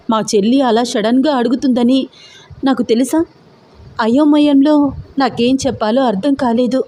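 A woman's voice: high voice, mellow. A woman voicing an angry, hurt young woman in love who scolds and threatens through tears.

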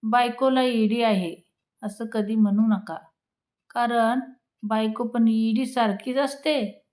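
A woman's voice: fairly high pitch, fairly even intonation, takes it slowly, a little mellow. A woman reading a string of husband-and-wife jokes to her audience. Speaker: joke teller.

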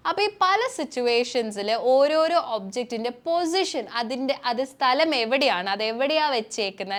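Female English teacher, Malayali accent, high voice, quizzes the class and answers for them. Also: a bit bright. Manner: asks the class questions and answers them herself. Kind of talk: spoken English lesson.

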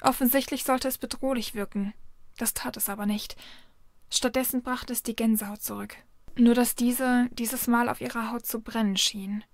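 Woman narrating a story, fairly high voice, measured, dry close recording. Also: fairly even intonation, no echo. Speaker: fan fiction reader. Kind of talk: reading a story aloud.

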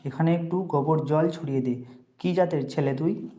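A scornful middle-aged estate agent in a spoken storybook, voiced by the narrator. He shouts down at people and spits out insults with a dark, mellow timbre and a fairly even pitch. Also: moderate pace, natural voice. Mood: scornful, scolding. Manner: barks insults and scolds loudly. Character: harsh, contemptuous zamindar's agent, middle-aged man.

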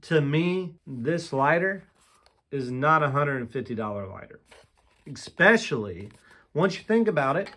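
A man's voice: on the high side, lively intonation, unhurried, a bit bright. Candid man reviewing collectible lighters. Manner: candid, enthusiastic, with frequent restarts. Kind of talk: casual product review vlog. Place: room with shelves of lighters on display, indoors.

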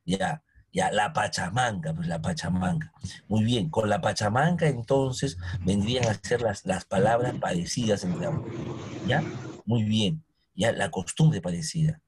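A man's voice: on the low side, animated, measured pace, a little hiss or hum. A man teaching history, who keeps asking his listeners questions and coaxing answers. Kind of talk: recorded history lesson.

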